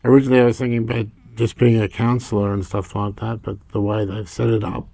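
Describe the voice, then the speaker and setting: A middle-aged man with an Australian accent, answering interview questions in a halting, rambling way. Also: on the low side, little pitch movement, vocal fry, warm tone, no room sound. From Brisbane, Australia. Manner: rambling, halting, many fillers. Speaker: political candidate.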